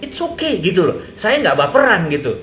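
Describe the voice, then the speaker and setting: A middle-aged man with an East Javanese Indonesian accent, giving a casual live-stream monologue. He talks bluntly, swears, mixes in slang and English words, and acts out quoted speech with big shifts in pitch. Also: big pitch swings, moderate pace, fairly bright tone. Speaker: businessman giving an Instagram live talk. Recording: echoey room with faint ambient noise.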